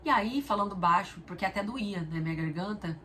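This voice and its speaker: An earnest woman sharing personal stories and spiritual reflections, speaking directly to her listener. Her voice sits at an ordinary middle pitch. A faint hiss of background noise runs under the recording. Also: animated, fairly quick, a bit bright. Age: adult mother of a young daughter. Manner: earnest, storytelling, addresses viewer directly. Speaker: spiritual video host. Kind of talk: reflective spiritual talk to camera.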